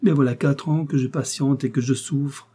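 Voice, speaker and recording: A man's voice: mid-range voice, fairly even intonation, moderate pace, mellow, breathy edge, pitched above the performer's own voice, natural voice. A man voicing a passionate, restless young woman in a novel reading, pleading and emphatic.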